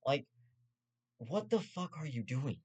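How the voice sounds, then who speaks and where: A man's voice: fairly high pitch, very animated, slow, darkish tone, slightly rough. A young man hosting his own show, ranting in profane, rambling casual commentary with stammered restarts and half-joking asides.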